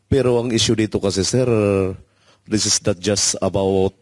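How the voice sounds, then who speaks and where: Earnest low-voiced former marine. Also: male voice, normal speed, no room sound. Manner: earnest and polite, addresses the host as sir. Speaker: discharged marine. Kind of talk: testimony in an interview.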